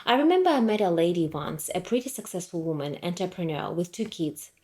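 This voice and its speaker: A woman from Ukraine in her thirties with a lowish voice delivers a scripted motivational talk. She speaks in a firm, direct and emphatic way. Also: big pitch swings, brisk, warm tone. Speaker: motivational vlogger.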